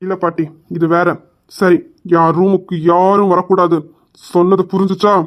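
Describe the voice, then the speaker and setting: A woman's voice: fairly low pitch, little pitch movement, normal speed, pitched below the performer's own voice, lightly acted. A woman doing a curt angry young man. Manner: curt, irritated.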